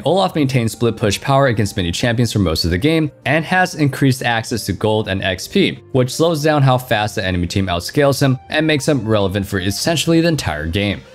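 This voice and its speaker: A man hosting a gaming channel, reading a scripted top ten countdown narration as an explainer with punchy emphasis. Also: mid-range voice. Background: background music.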